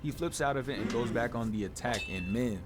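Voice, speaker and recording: A man's voice: medium pitch, brisk, very noisy. A man giving casual, comedic reaction-video commentary on anime fights, slangy and profane, acting out little asides. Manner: slangy, profane, animated storytelling with acted-out asides. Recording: loud music behind the voice. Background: music.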